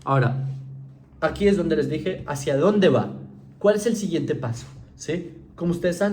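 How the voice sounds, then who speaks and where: Speaking to viewers in an informal, conversational lecture, a man with a fairly high, mellow voice keeps checking understanding with "¿sí?" and often restarts sentences. He uses many fillers and slips into mocking mimicry. A slight hiss or hum runs under the audio.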